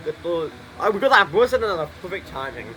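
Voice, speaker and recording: On a rough recording with game music behind him, a young gameplay streamer talks fast in a high-pitched, sing-song voice that sounds pushed and bright. His casual commentary rambles, swears and repeats itself.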